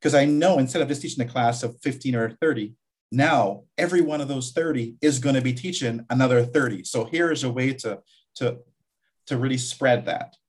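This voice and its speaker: A man's voice: medium pitch, fairly quick, husky. A man from Guyana, a community college vice president, talking reflectively in an interview with frequent restarts. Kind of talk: interview conversation.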